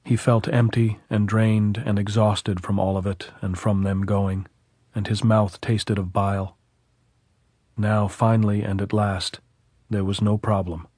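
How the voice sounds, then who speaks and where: A man narrating an audiobook in a measured, even way. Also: lowish voice, dry recording, studio quality. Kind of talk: scripted narration.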